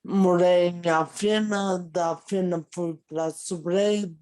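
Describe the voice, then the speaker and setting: A woman with a Porto accent speaking haltingly on a video call, restarting her words. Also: fairly low pitch, fairly even intonation, darkish tone. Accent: Porto Portuguese. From Portugal. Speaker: participant.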